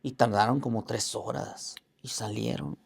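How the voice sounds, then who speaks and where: A man telling a personal faith testimony in an interview, earnest and halting, with religious fervor, acting out other people's words in raised voices. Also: medium pitch, fairly even intonation, creaky, slightly rough. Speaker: interview guest.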